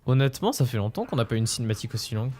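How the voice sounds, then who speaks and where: A man's voice: mid-range voice, big pitch swings, rapid-fire, a little mellow, slight background noise. A man hosting a video game playthrough, chatting casually with friends as he comments on the game. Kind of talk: casual group gaming commentary.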